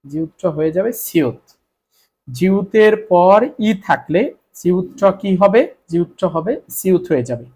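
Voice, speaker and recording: A man's voice: high-pitched, expressive, a little slow, darkish tone. Man teaching, asks then answers himself. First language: Bengali. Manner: repetitive, asks and answers own questions. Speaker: Korean language teacher. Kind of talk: explaining grammar rules to students.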